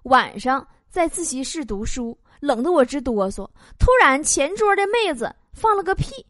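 A woman, hosting a comedic talk show and telling funny stories in an animated way. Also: sits high, moderate pace, dry recording, studio quality. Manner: animated, acts out scenes with shouting and laughter. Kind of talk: comedic storytelling monologue. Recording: loud background noise.

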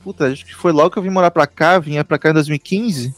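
A man's voice: a little high, fast, no echo, soft background music. A man, telling stories and joking in a casual group chat. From southern Brazil. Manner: joking, storytelling. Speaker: podcast participant.

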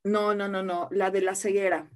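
An older woman, a dubbing director telling animated, self-deprecating stories in an interview. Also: medium pitch, normal speed, crowd noise. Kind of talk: reminiscing interview.

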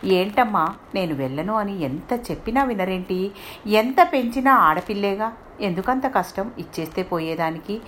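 A woman's voice: medium pitch, expressive, normal speed, fairly bright tone, slight background noise, pitched above the performer's own voice, close to an everyday voice. A woman voicing a stubborn young husband who complains and refuses in a spoken story.

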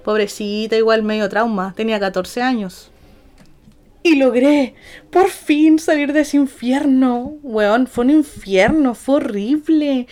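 A young Chilean woman with a Chilean accent, telling a story casually in an animated, slangy way. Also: high-pitched. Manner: animated and slangy, acts out quotes.

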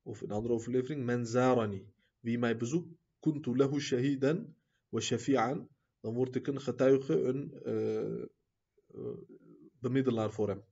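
A man teaching an Islamic lesson who reads texts quickly, then explains them at length with many fillers and asides to his listeners. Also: mid-range voice, steady tone, dark tone, husky, highs cut off. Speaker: religious teacher.

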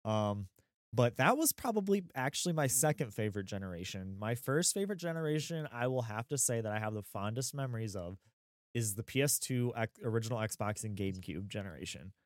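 A man's voice: fairly low pitch, animated, fairly quick, no echo, studio quality. A man in his thirties co-hosting a gaming podcast, chatting casually with rambling asides, fillers and laughs. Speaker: podcast co-host. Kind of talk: casual chat.

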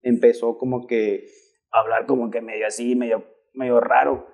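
A young man telling a story on a podcast, slangy and animated, dropping "güey" constantly. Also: medium pitch, moderate pace, gravelly. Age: young adult. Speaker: rideshare driver guest.

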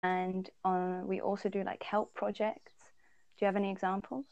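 A Dutch woman co-hosts a podcast in easy, casual conversation, laughing a lot and thinking out loud with frequent ums. Her medium-pitched voice is level, gravelly, smooth and a bit dark, at a moderate pace. The recording is dry and muffled, close to the mic with no room sound.

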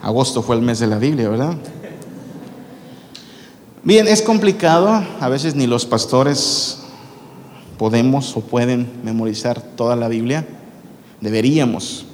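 Male preacher, mid-pitched, conversational sermon voice, recorded in a big echoing church hall. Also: lively intonation, unhurried, long pauses, darkish tone, a little hiss or hum. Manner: conversational, asks the congregation questions. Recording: long reverb from a large hall.

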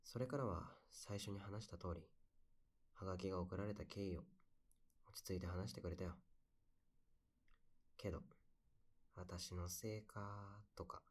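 A low-pitched young man, played by a male voice actor, shares memories in a bedside audio drama. He is wistful and soft-spoken, telling his story intimately, as if to one close listener. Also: steady tone, a little slow, pauses often. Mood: wistful, tender.

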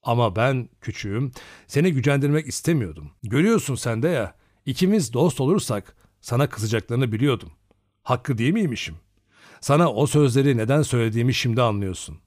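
A man doing a soft-spoken, tender lodger. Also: medium pitch, expressive, fairly quick, dry recording, clean studio sound, close to an everyday voice. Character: gentle, kind, lonely middle-aged male lodger.

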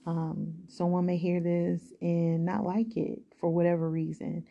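A woman's voice: fairly low pitch, flat delivery, unhurried, creaky, mellow, dull audio. A young woman hosting a solo podcast, talking candidly and reflectively in a conversational way with plenty of fillers. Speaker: podcast host.

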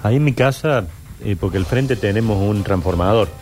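A man co-hosting a casual radio talk show, cutting in with quick remarks and banter. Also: fairly low pitch, darkish tone, faint music behind. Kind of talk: casual studio chat.

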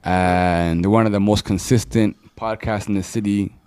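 A man's voice: lowish voice, steady tone, normal speed, a little mellow, smooth. A man speaking in casual, streetwise slang with emphatic phrasing in podcast banter.

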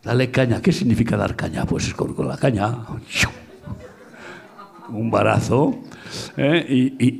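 A middle-aged man preaching a sermon in a gravelly, husky voice. His pitch leaps and falls with lively swings. He pushes some phrases out at full force and drops others to a near-whisper, repeating words to drive them home. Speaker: pastor. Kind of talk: sermon at a women's retreat. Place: church hall before a congregation.

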